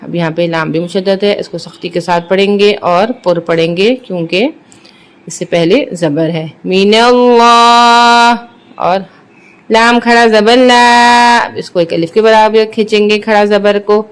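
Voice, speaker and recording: Patient Quran teacher drawing out syllables. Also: clean tone. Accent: Pakistani Urdu. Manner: drawn-out syllables, then brisk low explanations. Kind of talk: slow letter-by-letter recitation drills with quick explanations.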